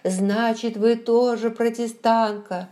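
A woman's voice: on the low side, takes it slowly, dark tone. A woman voicing a timid, half-starved pastor. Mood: timid, anxious. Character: frightened, starving male Protestant pastor, timid and earnest. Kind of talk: audiobook character voice.

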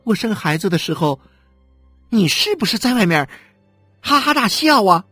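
A woman's voice: medium pitch, very animated, moderate pace, a bit bright, husky, no room sound, faint music behind, voice pushed up. A woman voicing a young wife in agonizing labor who sobs, wails and screams curses at her husband in an audiobook. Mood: nagging accusation. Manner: wailing, sobbing, screaming curses.

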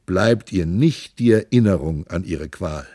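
A man's voice: sits low, expressive, measured pace, mellow, dry recording, clean studio sound. A man voicing a jovial, boozy husband who teases and reassures his wife in a hearty, coaxing manner. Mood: jovial teasing.

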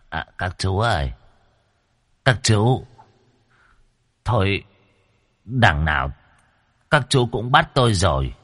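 A man's voice: fairly high pitch, pushed and bright, pitched above the performer's own voice, full character voice. A man voicing a cowardly old male ghost-soul tied to a post, pleading and stammering.

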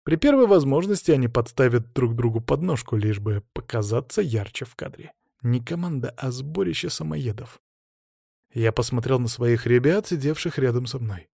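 Dry, even male audiobook narrator. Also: medium pitch, normal speed, gravelly, dry recording. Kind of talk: first-person scripted narration.

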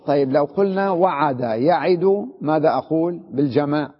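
A man's voice: on the high side, normal speed. A man teaching an Arabic grammar lesson, explaining step by step, repeating examples and asking the class questions. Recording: dull, echoey hall recording.

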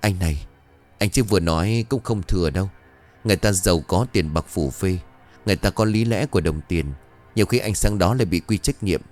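A man's voice: deep voice, brisk, a little mellow, faint music behind, close to an everyday voice. A man voicing a worried young village wife and mother, fretful and calling out anxiously.

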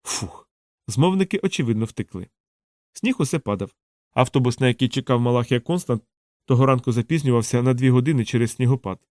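Calm man reading a novel, dry sound. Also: medium pitch, fast, no room sound. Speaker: audiobook narrator. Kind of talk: scripted novel narration.

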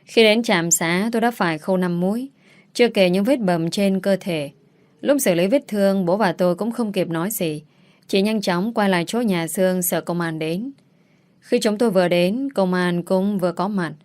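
A woman's voice: mid-range voice, normal speed, darkish tone. Female audiobook narrator, dramatic and emotional first-person delivery.

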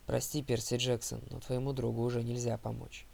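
A cool, imperious girl leader of the huntresses from a storybook, calm and haughty, never hurried, voiced by a male narrator. The voice stays measured and even, with a gravelly texture underneath. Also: mid-range voice.

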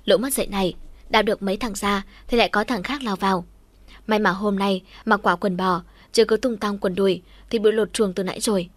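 A woman narrating a first-person audiobook story in a lively way. She lifts her voice for the characters' shouts. Her pitch sits in the middle, and the recording is close and dry with no room sound. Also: no room sound. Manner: lively storytelling, louder and higher for shouted quotes.

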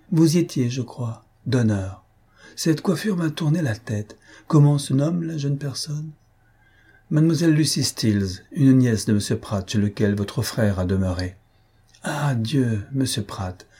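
A man voicing a vain, foppish young gentleman who talks in an affected, mocking, chatty way. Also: on the low side, slightly rough.

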